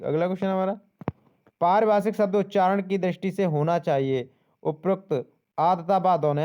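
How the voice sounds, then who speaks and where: Mellow young man drilling quiz answers. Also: high voice, slight background noise. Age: young adult. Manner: repeats answers and asks "ठीक है?" often, restarts words. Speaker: tutor explaining exam questions. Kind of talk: casual spoken lesson, quiz drill.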